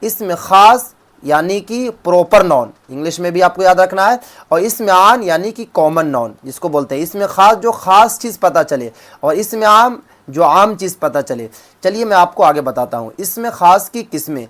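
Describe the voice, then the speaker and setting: A man giving an exam-prep Urdu grammar lesson, asking questions and answering them himself, repeating each definition slowly. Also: high-pitched. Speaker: Urdu teacher.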